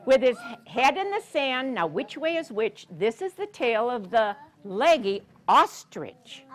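Story time finds a sixty-something American woman reading a picture book to small children indoors in a carpeted library room. She speaks a little slowly in a slightly high, very animated, sing-song teacher's voice, often pausing to ask the kids questions.

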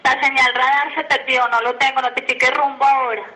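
A woman's voice: sits high, flat delivery, brisk, bright, forceful tone, rough recording. A woman giving formal, procedural instructions as an air traffic controller over aviation radio. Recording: radio transmission with faint noise.

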